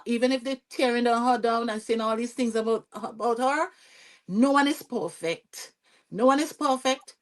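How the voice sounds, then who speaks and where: A woman with a Vincentian accent, a podcast guest telling her story in a lively, chatty way and often checking in with "you see what I'm saying?". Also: a little high. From Saint Vincent and the Grenadines. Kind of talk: conversational storytelling interview.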